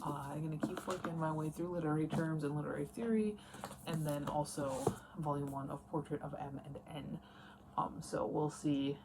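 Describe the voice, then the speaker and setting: Speaking at a moderate pace, this woman in her late twenties has a low-pitched voice with fairly even intonation. As a book and writing vlogger, she rambles and interrupts herself in a relaxed, personal-vlog manner, over noticeable background noise.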